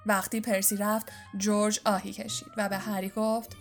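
A woman narrating an audiobook in a fast, even storytelling voice. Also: mid-range voice, over loud music. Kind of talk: audiobook reading.

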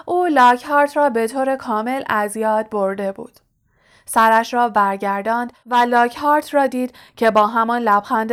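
Fairly high-voiced woman narrating a storybook. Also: fairly bright tone. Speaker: audiobook narrator.

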